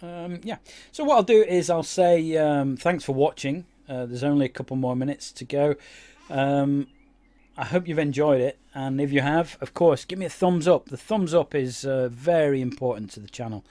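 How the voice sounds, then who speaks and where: A man's voice: fairly high pitch, normal speed, dark tone. A man giving casual, rambling commentary over his own gameplay, with many fillers and restarts. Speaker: game YouTuber.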